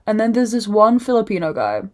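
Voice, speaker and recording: A young woman hosting a casual podcast, telling a rambling, animated story full of swearing and acting out other people's voices. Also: mid-range voice, brisk. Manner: acts out other people's lines in put-on voices. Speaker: podcast host.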